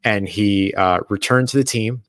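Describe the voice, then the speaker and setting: In a hotel or studio room away from home, a man co-hosts a sports podcast, walking through his analysis earnestly and step by step. His voice is fairly low and unhurried, and the studio-quality recording carries no room sound.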